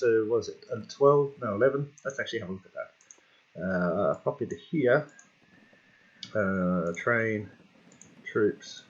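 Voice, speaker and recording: A man with a husky, slightly grainy voice explains game strategy in a loose, chatty way. He rambles and corrects himself often, with plenty of "uh"s along the way. The recording sounds dull and lo-fi. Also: medium pitch, a bit bright. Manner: chatty, rambling, many fillers and self-corrections. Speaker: gaming channel host. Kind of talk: casual game strategy tutorial.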